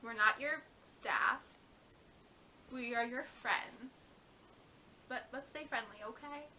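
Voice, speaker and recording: A young woman co-hosting a casual vlog chat, blunt and quick to chime in with advice. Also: fairly high pitch, bright, forceful tone, a little hiss or hum. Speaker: vlog co-host.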